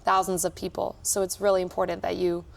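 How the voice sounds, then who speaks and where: A woman's voice: on the low side, completely flat delivery, fast talker, creaky. A young adult woman giving casual interview answers as a cruise director, with an upbeat, enthusiastic manner.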